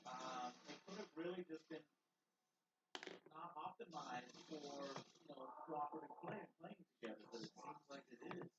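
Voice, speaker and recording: A man giving live gameplay commentary, excitable and swearing freely as he plays. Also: fairly high pitch, echoey room, distant mic, dull audio, background noise. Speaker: game streamer.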